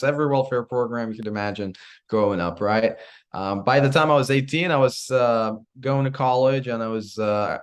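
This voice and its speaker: A man in his twenties from Iraq, a podcast guest telling his story with energy and earnest drive. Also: medium pitch. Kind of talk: storytelling interview answer.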